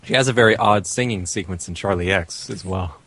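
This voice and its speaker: A man with a lowish, husky voice drops quick remarks into a film commentary with friends. He talks fast and plainly. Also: a bit bright. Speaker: podcast commentator. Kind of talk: casual movie commentary chat.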